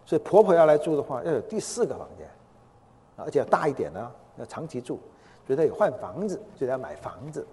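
A male preacher telling a story during a sermon, animated, acting out the people he quotes, in a large hall. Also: on the high side, quick pace, husky. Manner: animated, acts out the quoted speakers. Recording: long hall reverb.

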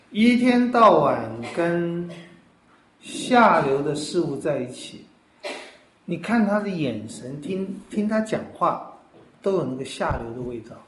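Pastor guy preaching, kinda high voice, chatty explaining style, echoey room. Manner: conversational, explaining step by step with rhetorical questions. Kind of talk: sermon.

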